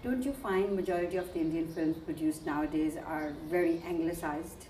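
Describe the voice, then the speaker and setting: A woman interviewer asking probing questions with quick follow-ups. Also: sits low, dark tone, reverberant, slight background noise.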